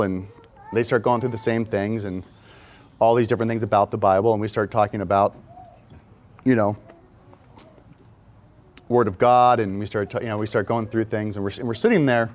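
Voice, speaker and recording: A man's voice: mid-range voice, a little mellow. A man, a film director, casually telling an anecdote in a rambling way with frequent restarts. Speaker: music video and film director, guest.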